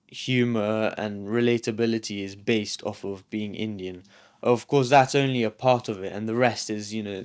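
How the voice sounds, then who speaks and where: A man, answering interview questions in a thoughtful, hesitant way with frequent pauses. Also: medium pitch, clear, resonant tone. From England. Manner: thoughtful, hesitant, many ums. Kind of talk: reflective documentary interview.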